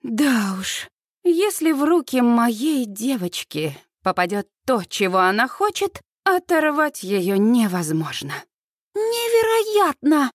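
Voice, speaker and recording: A woman narrates a first-person audiobook in a fairly high voice. Her reading is lively and expressive. The recording is dry and close. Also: slow, no echo.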